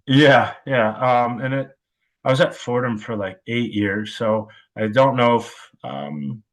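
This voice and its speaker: A man in his thirties, a football coach and podcast guest, speaking reflectively and haltingly with many filler sounds. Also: mid-range voice. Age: 30s. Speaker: wide receivers coach. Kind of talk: podcast interview.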